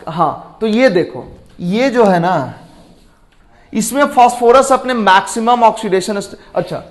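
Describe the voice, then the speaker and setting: A male chemistry teacher with a high voice, speaking at an unhurried pace. He works through each point step by step, throws questions at his students and thinks aloud while recalling names. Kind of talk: classroom lecture.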